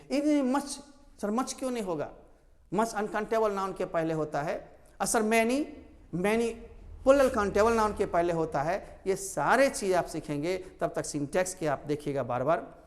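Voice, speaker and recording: A man teaching an English grammar lesson to a class, explaining slowly and repeating words with stress. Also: high-pitched, in a large hall.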